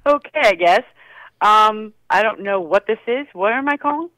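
A woman's voice: medium pitch, animated, normal speed, a bit bright, dry recording. A woman calling in, hesitant and confused. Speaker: caller. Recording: phone line.

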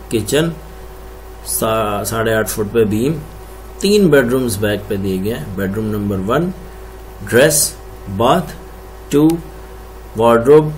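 A man's voice: lowish voice, darkish tone, a little hiss or hum. A man presenting and explaining house floor plans room by room, as an architect would. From Pakistan. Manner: explanatory, lists rooms one by one. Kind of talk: screen-recorded floor plan walkthrough.

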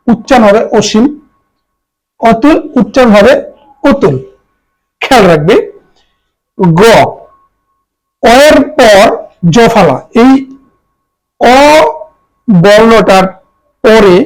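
Repeating every example word slowly, a teacher with a mid-pitched voice gives a patient grammar lesson for exam prep. The recording quality is low.

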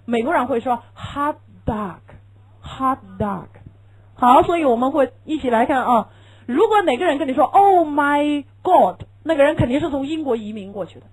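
A woman teaching English in a classroom lecture. She asks the class questions and answers them herself, and slows down to demonstrate English pronunciation. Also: high voice, a little mellow, rough recording.

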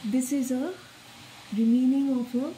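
Woman explaining a cave, mellow voice. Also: sits high, steady tone, measured pace, slight background noise, poor audio. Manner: informal explaining, pointing things out. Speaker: cave tour vlogger. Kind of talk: on-the-spot guided explanation. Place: inside a limestone cave.

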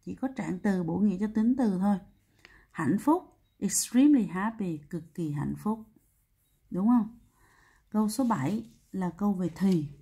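A woman's voice: medium pitch, warm tone, slightly rough. A woman English teacher walking students through exam answers step by step, often checking their understanding with tag questions. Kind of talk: exam answer walkthrough lesson.

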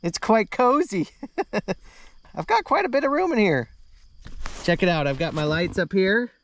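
Speaking with animation at a measured pace, a man in his thirties vlogs from a small tent outdoors, chatting casually and easygoing to camera. His voice is high-pitched and the recording dry.

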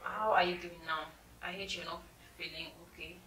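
A woman's voice: on the low side, fairly even intonation, moderate pace, lightly acted. A young woman acting as a polite, apologetic company secretary. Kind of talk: skit acting. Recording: echoey room, mic far off, noisy.

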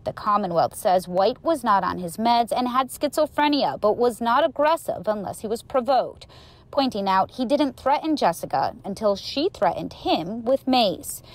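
A woman news reporter giving a live report from a courthouse in a measured reporting delivery. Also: a little high, animated.

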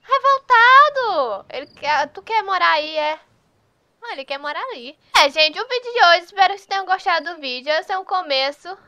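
A woman's voice: extremely high pitch, expressive, fast talker, few pauses, sharp tone, no room sound, highs cut off. A woman giving casual, chatty gameplay commentary and teasing the characters on screen. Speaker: gameplay youtuber.

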